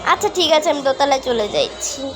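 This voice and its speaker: A woman's voice: high-pitched, animated, fast talker, music in the background. A woman acting in a home-made comedy skit as a fussy, complaining customer who repeats her words. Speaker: vlogger acting a shopping skit.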